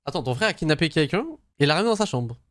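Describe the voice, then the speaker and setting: A man talks fast in a slightly high voice, reacting live on stream. He is excitable and slangy, exclaiming and talking over the clips from his home streaming mic. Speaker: streamer reacting to emergency calls.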